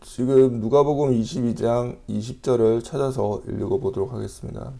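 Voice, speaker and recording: A man preaching a sermon as pastor, reading scripture aloud and explaining it in a measured way with frequent pauses. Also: mid-range voice, fairly even intonation, vocal fry, dark tone, a little hiss or hum.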